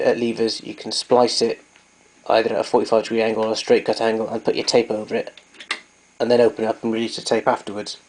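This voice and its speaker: The voice is a man's, fairly low in pitch and a little mellow. He's a hobbyist demonstrating his vintage tape recorder informally and hands-on, explaining with hesitation and frequent corrections, in a clearly noisy recording with clicks.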